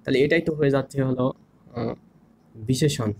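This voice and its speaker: A man's voice: medium pitch, normal speed, gravelly. A young man teaching an online grammar lesson, repeating key terms and asking and answering his own questions. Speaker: grammar instructor.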